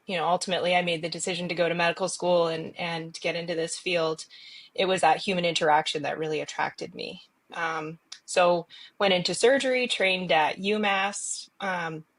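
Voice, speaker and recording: A woman surgeon from New York City answering interview questions in a reflective way with many ums. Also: on the low side. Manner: warm, reflective, lots of ums.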